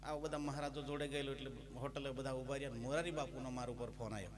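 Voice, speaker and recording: At a devotional gathering with live instrumental music behind him, a bhajan singer and spiritual storyteller with a Gujarati accent mixes folksy, funny stories with sung verses. He talks quickly in a steady, medium-pitched voice, and background noise is audible.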